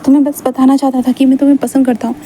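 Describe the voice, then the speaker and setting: Wang Ji, a woman voicing a calm tender young man. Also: high-pitched, racing, a little hiss or hum, lightly acted.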